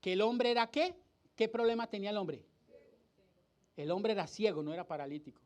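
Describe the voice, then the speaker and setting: A man's voice: sits high, a little fast, darkish tone. A man preaching a sermon as pastor, acting out scenes and asking rhetorical questions. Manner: dramatic, acts out the crowd and the blind man's cries, rhetorical questions. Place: church hall.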